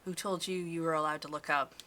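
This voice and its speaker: A woman's voice: low-pitched, steady tone, fast, bright, forceful tone. A woman voicing a stern older woman who harshly scolds a kneeling girl. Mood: scolding. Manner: condescending, harsh and demanding.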